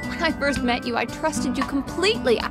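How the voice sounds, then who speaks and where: Brief: young cartoon woman, earnest and wry, over loud music. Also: high-pitched, brisk. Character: guarded young woman worried about her dad.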